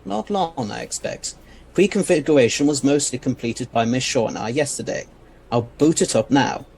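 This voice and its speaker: A man's voice: mid-range voice, normal speed, gravelly, darkish tone, a little hiss or hum, lightly acted. A man playing an eccentric, erudite, unflappable scientist in an audio drama, speaking in a lofty theatrical manner. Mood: lofty, proud. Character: eccentric, intrigued, unflappable male alien scientist.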